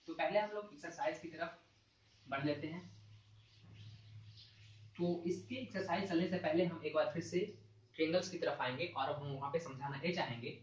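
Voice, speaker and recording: A man teaching a math lesson at a board, talking through formulas slowly and checking in with the class again and again. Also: on the high side. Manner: repeats points with frequent "ठीक है" check-ins; slow and deliberate when writing formulas. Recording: echoey, dull sound from a distant mic.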